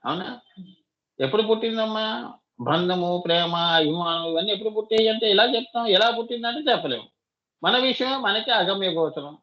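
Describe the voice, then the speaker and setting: A man's voice: sits high, animated, a little fast, highs cut off. A man giving a devotional discourse as a spiritual teacher, often asking his listeners rhetorical questions and calling them child.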